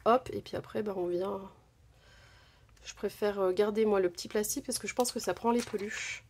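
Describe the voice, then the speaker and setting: A woman's voice: mid-range voice, fairly even intonation, normal speed, darkish tone, a little hiss or hum. A woman, casually showing her craft purchases in a haul vlog, chatty, with many fillers and self-corrections. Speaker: crafting channel host. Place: home craft desk.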